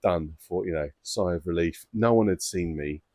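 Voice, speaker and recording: A man with a deep, low voice talks to camera like he's telling mates a story on himself. He's chatty and self-mocking and laughs along as he goes. The recording is close and dry, with no room sound. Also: normal speed, darkish tone, dry recording. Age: adult father of two boys. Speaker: koi-keeping vlogger.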